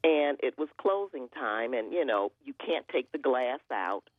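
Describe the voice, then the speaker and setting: Older woman guest, husky storyteller, dull lo-fi line. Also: extremely low pitch, measured pace, no echo. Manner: storytelling, animated quoting.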